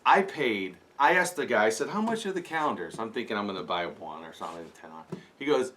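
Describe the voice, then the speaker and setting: A man co-hosting a casual vlog, chatting excitedly about flea market bargains. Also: on the low side, a little fast, slight background noise. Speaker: co-host. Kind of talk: casual chat.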